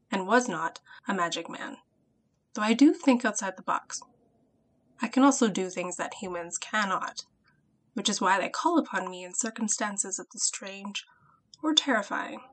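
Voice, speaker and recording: A woman hosting a podcast and reading her own folktale retelling in a clear, measured way. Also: medium pitch, a bit bright, a little hiss or hum, low-quality recording. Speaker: podcast host and storyteller.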